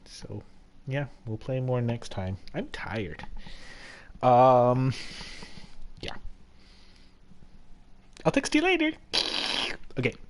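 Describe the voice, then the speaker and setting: A man's voice: medium pitch, wildly swooping pitch, extremely slow, pauses often, slight background noise. A man casually commenting with crude, mocking jokes while streaming a game.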